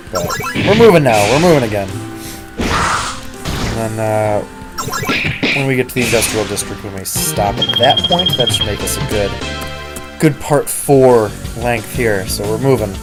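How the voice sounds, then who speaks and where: A man giving casual, rambling commentary on a role-playing game, his throat sore and prone to coughs. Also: fairly low pitch. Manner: chatty, rambling, self-correcting. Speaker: let's-play host. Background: game music.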